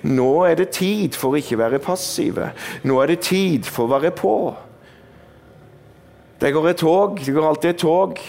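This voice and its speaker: A middle-aged male pastor preaching a sermon, telling a story in a lively way, dropping to quiet asides and rising to loud proclaiming. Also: fairly high pitch, creaky.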